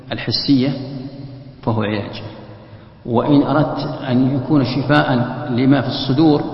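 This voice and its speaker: A man teaching Quran exegesis, explaining verses slowly with repeated phrases and rhetorical questions, sometimes chanting a verse. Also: mid-range voice. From Saudi Arabia. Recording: dull echoey hall recording.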